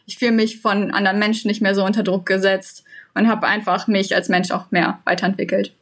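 A woman's voice: mid-range voice, little pitch movement, brisk. A young woman from Germany, a guest in a casual interview, talking earnestly in long flowing sentences. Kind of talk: casual conversation.

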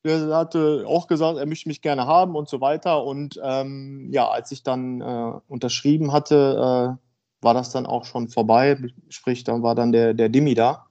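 A man in his thirties from Germany, a football player talking frankly and a bit haltingly as a podcast guest. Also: medium pitch, steady tone, dark tone, muffled recording. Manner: frank, rambling, hesitant. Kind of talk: casual podcast interview.

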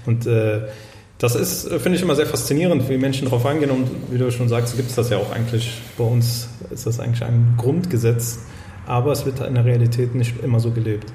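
A man co-hosting a casual talk show, talking in a halting way with many fillers and restarts. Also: medium pitch, fairly even intonation, mellow, echoey room, a little hiss or hum. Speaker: podcast co-host. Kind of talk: casual discussion.

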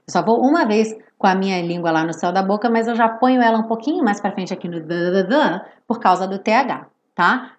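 A woman who speaks Portuguese as her first language, teaching English pronunciation through song lyrics. She draws out each sung phrase and checks in with the learner often. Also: mid-range voice. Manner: slow, drawn-out modelling of English phrases between quick explanations; frequent tag checks like tá and ok.

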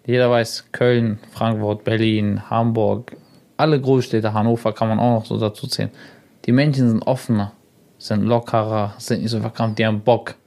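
Young man, casual storytelling, animated, quoted voices. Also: lowish voice, moderate pace, creaky. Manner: animated, acts out quoted dialogue. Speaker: YouTuber and radio guest.

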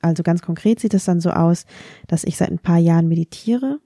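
A woman who grew up speaking Vietnamese reflects thoughtfully and candidly on her own feelings in a podcast conversation, with a self-ironic touch. Her lowish, dark-toned voice runs a little fast, captured in a dry, studio-quality recording.

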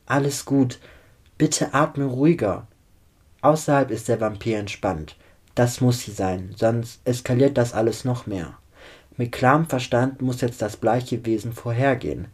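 Male storyteller, calm and even delivery, middle pitch. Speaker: narrator. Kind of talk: story reading.

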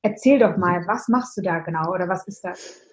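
A woman's voice: on the low side, brisk, poor audio. A woman hosting a career podcast, introducing her guest and asking friendly questions. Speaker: podcast host. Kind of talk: podcast interview.

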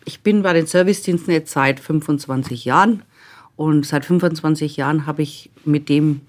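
A woman's voice: deep voice, normal speed, darkish tone. Middle-aged woman, blunt, tells work stories on a podcast. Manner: blunt, matter-of-fact storyteller who acts out dialogue. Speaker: transit service staff member. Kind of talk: telling anecdotes in a podcast interview.

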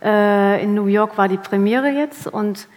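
Laughing actress in a reverberant hall. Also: female voice, mid-range voice, a little slow, darkish tone. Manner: laughing, self-deprecating humor. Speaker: actress, interview guest. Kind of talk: casual interview talk.

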